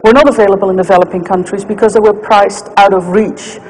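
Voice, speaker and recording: A woman speaking unscripted in a documentary interview, making her points deliberately with emphatic repetition. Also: medium pitch, steady tone, a little mellow, slightly rough. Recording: reverberant room with faint noise.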